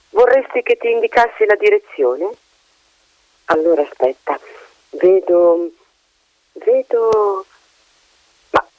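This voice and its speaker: A man's voice: high voice, dry recording, voice pushed up, heavily acted. A man putting on a gossipy female magpie. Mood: helpful. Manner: talkative, insinuating. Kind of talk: storybook reading. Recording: dull lo-fi dry recording.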